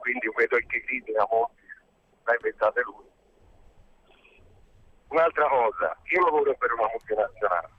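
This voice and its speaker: A man phones into a radio talk show on speakerphone while driving on the motorway. He sounds distant and thin through the tinny phone line. He is insistent and argumentative, with a mid-range pitch. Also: lively intonation, moderate pace, pauses often, a little hiss or hum. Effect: on speakerphone from a car on the motorway. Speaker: caller.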